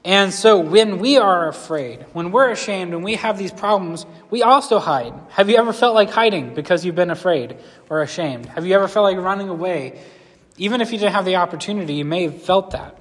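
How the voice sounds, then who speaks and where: Male pastor, slightly high voice, mild lisp, chatty earnest preaching, reverberant hall. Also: brisk. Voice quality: slight lisp from a sore lip. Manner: conversational, earnest, asks the congregation questions. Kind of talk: sermon.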